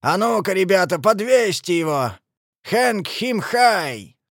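A man's voice: on the high side, huge pitch swings, takes it slowly, no room sound, clean studio sound, full character voice. A man voicing a mock-polite, threatening vigilante leader in a storybook reading. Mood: menacing. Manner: loud, sneering, threatening.

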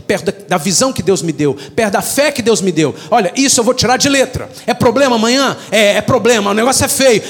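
A Brazilian man preaches with a fairly high voice, emphatic and rhetorical, swinging between loud declarations and quiet asides. His sermon rings out with the long reverb of a church hall. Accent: Brazilian Portuguese. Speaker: pastor.

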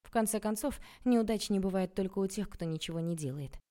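A woman reading a first-person audiobook in a lively, sarcastic and dramatic way. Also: mid-range voice, fairly quick. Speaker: audiobook narrator.

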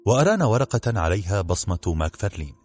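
A man narrating a storybook in an expressive, measured reading. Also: deep voice, husky. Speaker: audiobook narrator.

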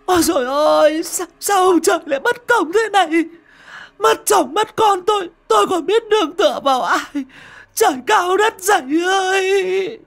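A man voicing a grieving peasant wife who wails in shrill cries for her drowned husband and son. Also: lively intonation, normal speed, vocal fry, fairly bright tone, full character voice. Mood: wailing.

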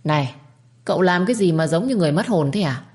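A woman's voice: on the low side, animated, quick pace, darkish tone, lightly acted. A woman voicing a brash young man who teases his friend. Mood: teasing.

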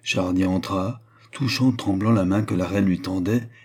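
A man narrating a classic novel with measured, expressive delivery. His voice sits low and dark, with a husky edge. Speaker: audiobook narrator. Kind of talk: literary narration.

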